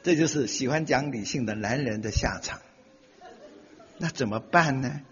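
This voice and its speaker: A man's voice: mid-range voice, normal speed, fairly bright tone. A middle-aged man giving a humorous talk to an audience, telling stories animatedly, acting out quoted voices and laughing often. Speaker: speaker giving a talk on marriage. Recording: dull lo-fi sound with long hall reverb.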